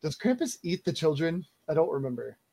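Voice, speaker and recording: A man hosting a relaxed conversation, opening his short questions with hesitant fillers. His voice sits a little high with a mellow, dark tone. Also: fairly quick, vocal fry, breathy edge. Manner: brief questions, hesitant starts. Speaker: podcast host. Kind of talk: casual interview chat.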